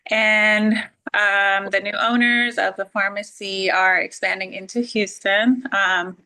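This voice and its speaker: Bright-voiced woman from Texas on a video call. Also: mid-range voice, fairly even intonation, slow. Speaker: pharmacist applicant. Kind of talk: self-introduction on a video call. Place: pharmacy shelving behind her.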